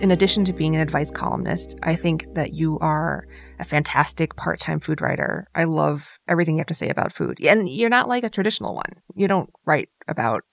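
A woman hosts a podcast in a low voice, talking eagerly through "um"s and restarts. The recording is dry and close. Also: lively intonation, fairly quick, gravelly, no room sound, faint music behind. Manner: enthusiastic, many fillers and restarts. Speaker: podcast host. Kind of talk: casual podcast conversation.

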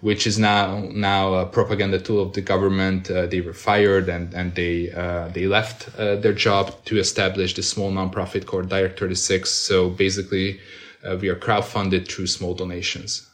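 A man's voice: low-pitched, completely flat delivery, normal speed, a bit bright. A man, a journalist giving hesitant, explanatory interview answers as he searches for words. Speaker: investigative journalist guest.

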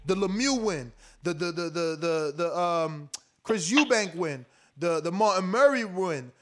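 High-voiced man hosting a call-in show. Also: expressive, measured pace, a bit bright. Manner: emphatic, repeats phrases. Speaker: host of boxing call-in show. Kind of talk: casual live radio hosting with slang.

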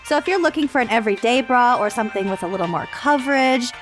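A woman's voice: on the high side, lively intonation, fast talker, over music. A woman with an American accent chatting casually as a podcast co-host, playful and candid.

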